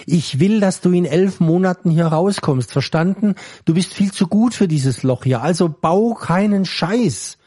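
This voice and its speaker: Man voicing a gruff good-natured prison guard. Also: high-pitched, lively intonation, unhurried, few pauses, warm tone, dry recording, studio quality, pitched above the performer's own voice. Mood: stern, worried. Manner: grumbling, gruff, then scolding.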